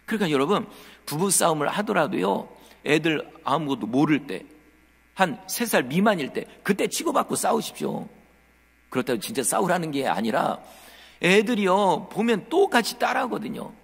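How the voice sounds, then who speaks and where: A male pastor delivers a lively sermon, his voice swooping up and down as he tells the story. His tone is gravelly and a little husky. The sound carries a long reverb from the church hall. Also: a little high, moderate pace. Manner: animated storytelling, acting out quotes; addresses the congregation directly. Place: church sanctuary.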